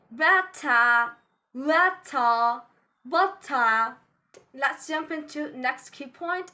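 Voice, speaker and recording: High, bright-voiced woman teaching pronunciation. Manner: repeats model words slowly for drilling; addresses viewers directly with instructions. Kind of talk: pronunciation lesson.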